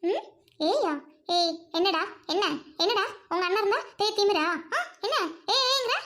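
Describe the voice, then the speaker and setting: A woman playing a gossipy, cheeky young village wife in a comedy skit, talking quickly and teasingly. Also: very high voice, expressive, a bit bright. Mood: bickering. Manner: quick, chattering, teasing and quarrelsome.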